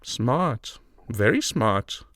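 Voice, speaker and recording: A man's voice: medium pitch, sing-song, extremely slow, fairly bright tone, no echo, exaggerated voice. A man reading Sherlock Holmes, grave and dry. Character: grave, calm, ironic male detective. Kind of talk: audiobook character voice.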